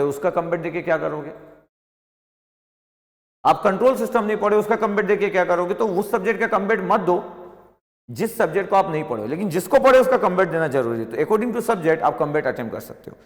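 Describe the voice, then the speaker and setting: Male exam-prep teacher, raised pitch, emphatic and repetitive, echoing hall sound. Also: lively intonation, quick pace. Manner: emphatic, repetitive, rhetorical questions. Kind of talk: motivational classroom lecture.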